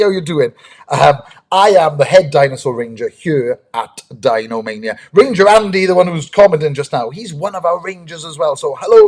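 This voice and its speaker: Lively man hosting a kids' live stream. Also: fairly high pitch. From United Kingdom. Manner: lively and eager, greets chat viewers, many ums. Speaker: host, dinosaur ranger. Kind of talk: live-stream chat with young viewers.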